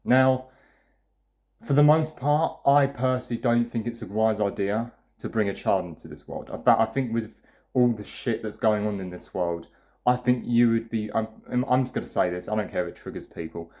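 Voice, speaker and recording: A man's voice: fairly low pitch, normal speed, mellow. Blunt, swearing young man ranting. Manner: blunt, profane, rambling with restarts. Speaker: vlogger. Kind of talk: casual ranting monologue.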